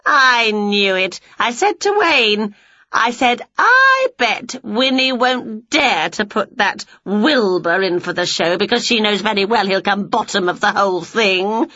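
A woman's voice: medium pitch, expressive, measured pace, sharp tone, no room sound, lo-fi sound, pitched above the performer's own voice. A woman voicing a snooty, bossy big-sister witch with a screechy, gloating voice, read as a storybook. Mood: mocking. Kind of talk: storybook reading.

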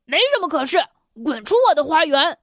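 A woman's voice: high voice, very animated, measured pace, no room sound, clean studio sound, exaggerated voice. Woman doing a snapping grumpy man. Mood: angry shouting. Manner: snapping, yelling, curt. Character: bad-tempered shouting grumpy man.

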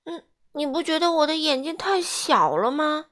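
A woman's voice: high-pitched, expressive, moderate pace, fairly bright tone, pitched above the performer's own voice. Woman doing a mopey young pig boy. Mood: glum. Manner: mopey, downcast.

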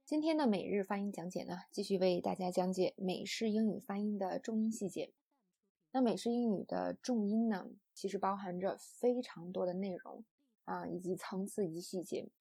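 Young woman from China, English pronunciation teacher, mellow husky voice, patient and explanatory. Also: medium pitch, normal speed, no room sound. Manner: patient, explanatory, with many "啊" and "呃" fillers. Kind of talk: online audio lesson.

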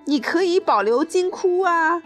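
A woman voicing a cheerful little rabbit boy in a children's story, speaking in a bright, coaxing tone. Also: very high-pitched, expressive, measured pace, faint music behind, pitched above the performer's own voice.

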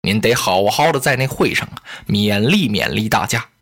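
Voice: mid-range voice, animated, moderate pace, fairly bright tone, slightly rough, pitched below the performer's own voice. A storyteller voicing a sly, blustering male general who fawns over his lord while plotting. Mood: fawning. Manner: fawning toward his lord, crafty. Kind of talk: traditional storytelling.

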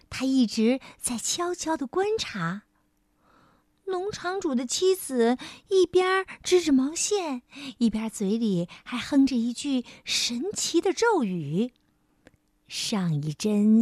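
Woman storyteller, high voice, lively melody, dry sound. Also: measured pace, dry recording. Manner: gentle, sing-song, addresses the child. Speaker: children's storyteller. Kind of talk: children's storybook reading.

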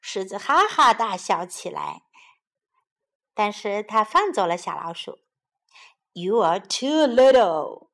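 Slow, gentle woman storyteller for children. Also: medium pitch, big pitch swings, gravelly. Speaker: children's English teacher. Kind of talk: bilingual children's story narration.

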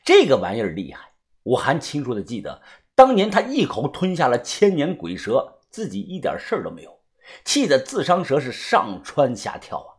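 Male narrator, husky voice, wildly varied pitch, audiobook story, vivid first-person telling. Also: moderate pace. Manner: lively storyteller, swings in pitch and loudness.

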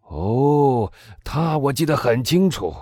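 A man voicing an excitable middle-aged prison inspector, talking loudly and eagerly in an audiobook. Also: medium pitch, takes it slowly, no echo, clean studio sound, voice pushed up. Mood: talkative. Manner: loud, eager, exclaiming. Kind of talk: audiobook dialogue reading.

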